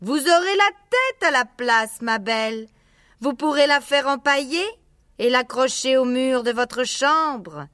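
A man reading aloud and voicing a bossy farmer's wife who gives orders in a shrill falsetto. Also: animated, unhurried, pushed and bright, smooth, no echo, studio quality, heavily acted.

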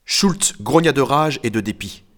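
A man reading a novel aloud as narrator, steady and even in his storytelling. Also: mid-range voice, a little slow. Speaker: audiobook narrator.

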